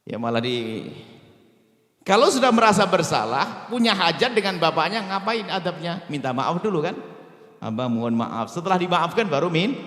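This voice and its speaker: Preacher guy, kinda high voice, gets fired up then goes quiet, big echoey hall. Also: animated, moderate pace. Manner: impassioned, swings from low murmurs to loud pleading. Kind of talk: sermon.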